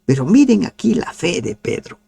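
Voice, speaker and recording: A man giving a devotional Bible commentary, asking his listeners rhetorical questions and dropping to soft, nearly whispered pleas. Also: fairly high pitch, wildly swooping pitch, normal speed, creaky, breathy edge, no room sound. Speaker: Bible teacher.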